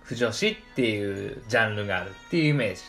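A woman's voice: a bass voice, racing, faint music behind. Woman co-host, very bouncy intonation, casual chatty, laughs easily. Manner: lively, laughs easily, casual rough wording. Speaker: podcast co-host playing student. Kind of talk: casual comedic chat.

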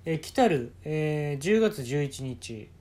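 A solo podcast host with a Kansai accent tells a comic story in a casual monologue, acting out bits of quoted dialogue. His voice is fairly high and animated, slow and warm, and his manner stays conversational.

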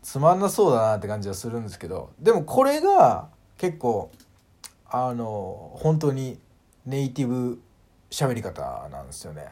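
A man hosting a casual solo audio talk, animated and full of fillers, acting out sounds as he explains. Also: mid-range voice, normal speed. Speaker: podcast host.

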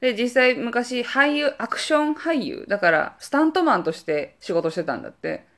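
明るい関西なまりの若い女性が、くだけた雑談の中で身振りたっぷりに旅先の思い出を語る。. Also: female voice, fairly high pitch, normal speed. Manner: animated, acts out quoted voices. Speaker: podcast co-host. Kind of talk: casual storytelling chat.

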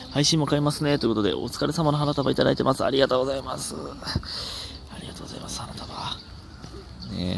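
A young man with a Kansai accent chats alone on his comedy podcast, wandering from story to story and poking fun at himself. His pitch swings widely as he talks, with a gravelly, creaky edge. A faint hiss of noise sits under the voice. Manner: rambling, self-mocking, animated outbursts. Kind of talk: casual solo podcast chat.

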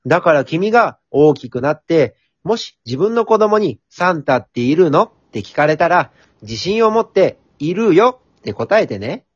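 A man's voice: fairly high pitch, very animated, moderate pace, hardly any pauses, husky, no room sound, dull audio. A man playing a jolly, earnest Santa Claus in an amateur comedy radio drama, polite and theatrical in manner. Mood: kindly, playful.

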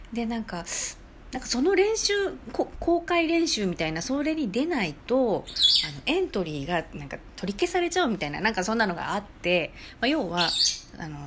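A woman's voice: mid-range voice, slight background noise. A middle-aged woman hosting a casual solo talk show, telling personal stories in a chatty way and acting out the voices she quotes. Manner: chatty storyteller, lively, acts out quoted voices. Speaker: podcast host.

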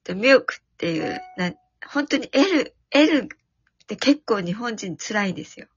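A woman's voice: mid-range voice, very animated, a little slow, a little hiss or hum. A woman in a casual chat, giving short, friendly explanations and interjections. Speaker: guest. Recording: dry, dull lo-fi audio.

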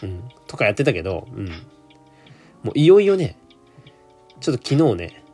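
A man's voice: medium pitch, big pitch swings, moderate pace, a little mellow, husky, faint music behind. A young man, telling a work story in a chatty solo monologue full of asides. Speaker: solo podcaster. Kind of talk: casual monologue.

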